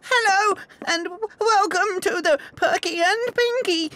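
A woman voicing a plucky, bossy cartoon piglet, excitable in manner. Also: very high voice, unhurried, slight background noise. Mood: alarmed. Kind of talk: cartoon voice acting.

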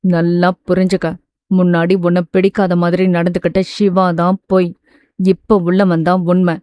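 A woman voicing an intense, stern young man in a romance audiobook, speaking low and pressing. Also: level tone, normal speed, mellow, no room sound, studio quality, close to an everyday voice. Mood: earnest.

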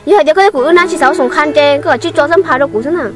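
A woman acting in an amateur drama, talking in a rapid, chattering way. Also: high voice, over loud music, natural voice.

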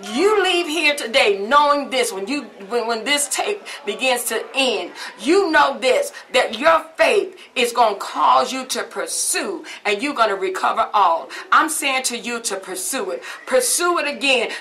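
A woman's voice: on the high side, expressive, a little slow, hardly any pauses, bright, forceful tone, a little hiss or hum. A middle-aged woman preaching a sermon in a fervent, repetitive cadence, seated in a small studio and recorded close to the camera.

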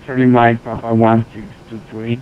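A man working as an air traffic controller, heard over a pilot's headset radio, giving clearances in clipped, measured phraseology. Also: mid-range voice, completely flat delivery. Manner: slow, measured, spells out numbers. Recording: tinny radio line, faint hiss.

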